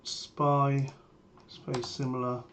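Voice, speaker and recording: A man with a medium-pitched voice speaks slowly, sounding strained and hoarse as if he has a sore throat and is under the weather. He's a trader laying out his premarket plan in matter-of-fact live market commentary. Keyboard typing and steady background noise run through the recording.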